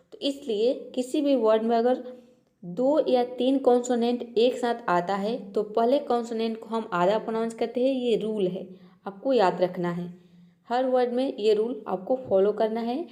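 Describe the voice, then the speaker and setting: Woman teacher, slightly high voice, mellow tone, patient step-by-step explaining. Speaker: English teacher. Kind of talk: spoken pronunciation lesson.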